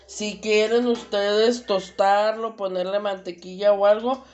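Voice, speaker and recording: A woman with a Mexican Spanish accent leads a casual home cooking demo, talking slowly with plenty of fillers. Her medium-pitched, slightly mellow voice has a flat delivery, and the camera across the stove picks up a little hiss or hum.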